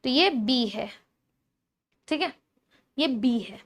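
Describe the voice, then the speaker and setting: Woman teaching bio, high voice w some fry, chatty n teasing, keeps quizzing the class. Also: animated, slow pace. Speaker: biology teacher. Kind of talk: animated classroom lecture.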